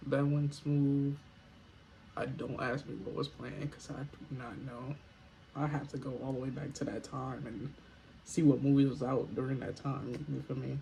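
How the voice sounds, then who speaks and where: Young man with a gravelly voice. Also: mid-range voice, little pitch movement, moderate pace, background noise. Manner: laid-back slangy storytelling with joking asides. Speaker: vlogger. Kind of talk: casual storytime vlog.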